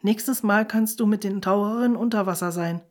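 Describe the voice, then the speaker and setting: A woman voicing a brisk, insistent reformer. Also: mid-range voice, close to an everyday voice. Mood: explaining. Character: brisk reform-minded woman, impatient and sharp.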